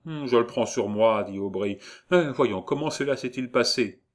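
Man voicing brash young student, loud, insistent, slightly raised pitch, audiobook. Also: moderate pace, natural voice. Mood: eager. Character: brash young male student, pushy and impatient. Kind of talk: audiobook character reading.

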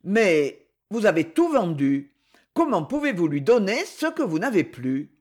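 A man's voice: high voice, sing-song, a little slow, heavily acted. A man voicing a polite, earnest middle-aged count in an audiobook.

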